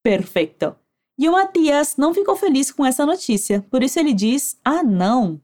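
A woman with a Brazilian Portuguese accent teaching Spanish, giving clear, encouraging instructions and modeling phrases slowly for the listener to repeat. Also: high voice, sing-song, a little mellow. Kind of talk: language lesson narration with repeat drills.

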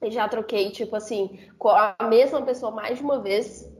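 A woman's voice: on the high side, normal speed, a little mellow. A woman psychologist in casual chat, talking with lots of fillers and laughter.

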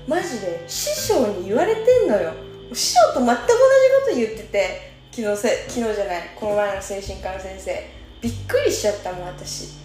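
A woman's voice: mid-range voice, a little mellow. A young woman in her twenties casually telling a personal story, chatty and informal, laughing often as she talks. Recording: echoey room with faint music.

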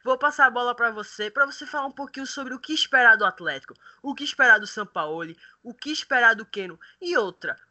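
A man's voice: very high voice, lively intonation, fast talker, hardly any pauses, bright, forceful tone. A man with a Brazilian Portuguese accent hosting a football podcast in a casual presenting style. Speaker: podcast host.

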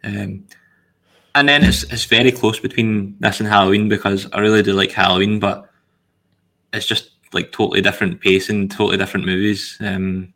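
A man hosting a film podcast, talking in a relaxed, thoughtful way with lots of pauses. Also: on the low side. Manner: relaxed, thoughtful, hesitant with fillers. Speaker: podcast host. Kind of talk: casual film discussion.

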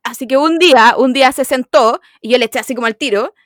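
A woman's voice: sits high, fast, no echo, studio quality. A young Chilean woman co-hosting a podcast, chatty and giggly with self-mocking humor. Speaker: podcast co-host. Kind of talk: casual chat.

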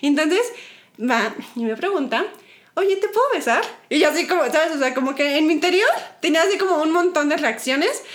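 A young Mexican woman telling a dating story in a casual podcast chat, animated and giggly, acting out her own lines. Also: high voice, a little fast. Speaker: podcast co-host.

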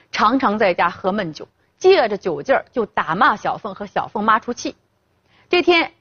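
A woman telling a scripted story with expressive, colloquial flair. Her husky voice rises and falls a great deal, and the recording sounds dull and dry. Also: a little high, no echo.

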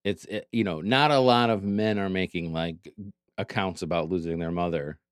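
A man's voice: low-pitched, steady tone, moderate pace, smooth, no echo, clean studio sound. A man hosting a podcast interview, asking casual, rambling questions. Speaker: podcast host.

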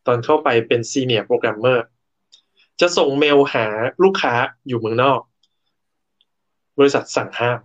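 A man in casual conversation, talking through workplace ideas and sharing his own job stories. His voice has a middle pitch, and the sound is a bit dull and lo-fi, as if from a modest recording. He often stumbles and repeats a word before going on. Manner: explanatory, tells workplace anecdotes with repeated restarts. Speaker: co-host and speaker. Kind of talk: casual talk on workplace motivation.

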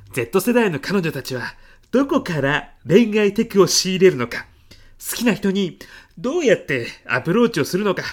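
For a comedic radio drama, a high-pitched man in his fifties plays an earnest department manager who carries himself with a young woman's girlish manner. He uses polite, expressive business speech.

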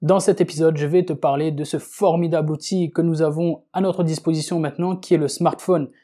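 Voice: mid-range voice, fairly even intonation, brisk, mellow. A podcast host giving an informal self-help talk, speaking straight to the listener and repeating words for emphasis.

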